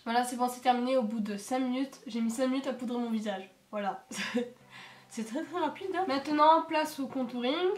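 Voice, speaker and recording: This beauty vlogger, a teen girl recording at home, sounds congested from a cold as she casually talks through her makeup routine, filling gaps with lots of fillers. Her pitch is fairly high, her pace moderate, and the space reverberant.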